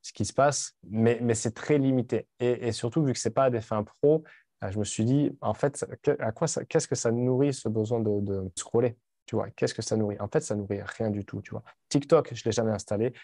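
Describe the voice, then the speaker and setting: Frank, rambling man with a dark voice. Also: mid-range voice, a little fast, dry recording, studio quality. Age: 30s. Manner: frank, rambling, swears casually, many restarts. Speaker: vlogger. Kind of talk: casual monologue to camera. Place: home in Dubai.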